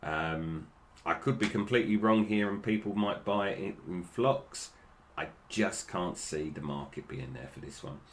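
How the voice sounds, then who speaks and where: A man's voice: low voice, moderate pace, hardly any pauses, a little hiss or hum. A British man giving casual, unscripted toy review commentary, with slightly slurred, toothless articulation that stumbles over names.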